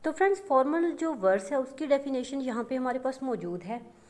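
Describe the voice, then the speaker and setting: Female teacher, slightly high voice, walking viewers through a lesson in a patient, repetitive way. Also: expressive, a little fast, a little mellow. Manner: addresses listeners as friends, repeats points with frequent fillers. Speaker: English literature teacher. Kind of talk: explanatory lecture.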